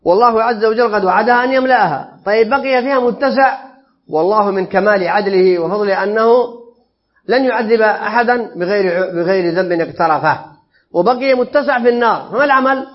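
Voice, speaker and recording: High-voiced man teaching a religious lesson. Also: fairly quick. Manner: explains phrase by phrase and quizzes listeners with questions. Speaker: Islamic creed teacher. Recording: dull lo-fi lesson recording.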